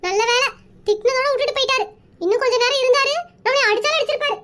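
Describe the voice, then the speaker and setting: A woman's voice: extremely high pitch, rapid-fire, bright, forceful tone. A woman voicing a pushy, chatty married aunt in a cartoon comedy, who plays matchmaker and talks. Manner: brash, nosy, rambling.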